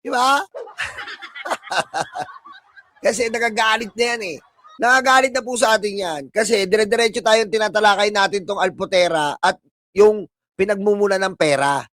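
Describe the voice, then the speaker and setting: A high-pitched Filipino man hosts a live stream, taunting and sneering at his detractors and chuckling at his own insults. The sound is dry and close with no room around it. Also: moderate pace, pauses often, a bit bright, no room sound. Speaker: political livestream commentator. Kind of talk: mocking live-stream rant.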